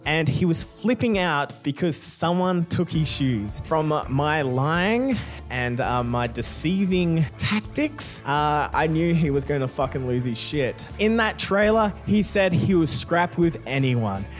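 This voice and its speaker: A young man, answering fan questions in a casual, crude, joking way with plenty of swearing. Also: on the high side.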